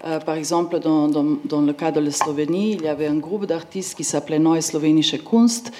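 Her voice sits low and steady at a moderate pace, with background noise behind it. A Slovenian-accented independent art curator in her forties, from Slovenia in the former Yugoslavia, she gives a casual panel talk at a conference, pausing to find her words.

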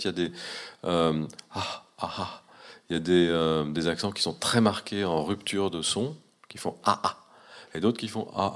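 Deep-voiced hesitant French-speaking man. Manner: hesitant, many restarts, reflective. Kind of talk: casual conversation.

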